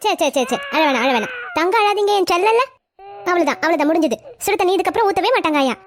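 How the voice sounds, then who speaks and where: High squeaky young cartoon daughter-in-law, soft and pleading, quick talker. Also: female voice. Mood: soothing. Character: timid young daughter-in-law and new mother, gentle. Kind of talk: cartoon family drama voicing.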